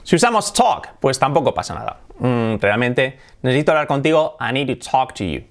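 A man's voice: medium pitch, sing-song, normal speed. A man with a Spanish accent from Spain hosting a casual English lesson, drilling pronunciation by repeating words. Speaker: English teacher and host.

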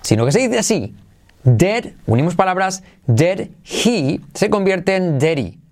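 A man hosting an energetic English lesson, repeating phrases slowly for learners. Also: high voice. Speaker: English teacher, channel host. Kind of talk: energetic online language lesson.

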